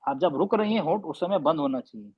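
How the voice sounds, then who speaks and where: A man teaches Quran recitation over a call, stretching sounds slowly as he corrects students. His voice sits slightly high. The audio is dull and lo-fi. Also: expressive, husky. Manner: patient, slow demonstrating drills. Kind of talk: online tajweed class correction.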